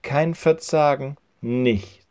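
Casting: Mann als gütiger, ruhiger Prediger, sanft und bedächtig, Bibelgeschichte für Kinder. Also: male voice, medium pitch, slow, darkish tone, voice pushed up, natural voice. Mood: gentle. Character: calm, kind male teacher Jesus.

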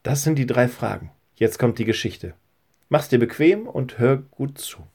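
A man's voice: mid-range voice, lively intonation, measured pace, noisy background. Male pastor, friendly children's host and storyteller. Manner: friendly, addresses children directly. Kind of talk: children's church audio and storytelling.

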